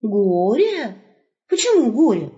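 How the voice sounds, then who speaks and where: Cheeky wolf boy done by a woman, high voice, lively slang, tactless, storybook, lo-fi. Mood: puzzled. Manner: slangy, excited, quick. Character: brash young wolf lad, cheeky and tactless. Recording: muffled lo-fi recording.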